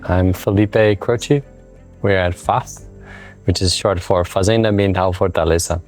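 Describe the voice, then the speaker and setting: With a low voice, fairly even intonation and a slightly slow pace, a thirtysomething farmer reflects and tells explanatory stories in a documentary interview as faint music plays behind him. He sounds American, having been born in Brazil but raised in the US.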